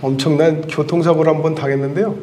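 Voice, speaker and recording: A male pastor preaches in a high, clear register, telling a story and putting questions to the listeners. He stands a little away from the microphone. The sound carries the echo of a large church hall. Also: flat delivery, fast, a little mellow, slight background noise. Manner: storytelling, asks the congregation questions. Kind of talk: sermon. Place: church sanctuary. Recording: echoey hall, voice from a distance.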